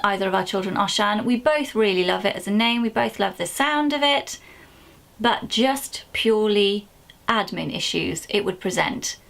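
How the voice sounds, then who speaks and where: With a touch of vocal fry, a thirtysomething Welsh parenting vlogger chats informally to camera, lively and shifting into a high-pitched voice for quick asides.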